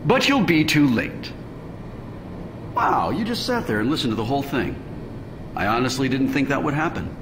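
A man's voice: mid-range voice, very animated, noisy background, natural voice. Man as a theatrical gloating villain, swooping voice. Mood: smug, dismissive. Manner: slow theatrical villain menace, hammy grandstanding. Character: vain theatrical male actor turned villain, gloating and smug. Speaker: villain in a spy game. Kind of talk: video game villain monologue.

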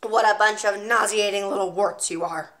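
A woman reads aloud, lightly acting as a huge, tyrannical headmistress who barks and bellows at children with loud, scornful contempt. Her voice is mid-range and steady, at a normal speed.

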